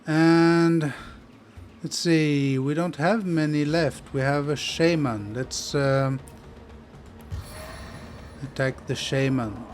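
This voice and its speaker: A man's voice: a little high, slow, long pauses, a little hiss or hum. A man giving casual let's play commentary, hesitantly thinking aloud as he plays. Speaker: gaming video host.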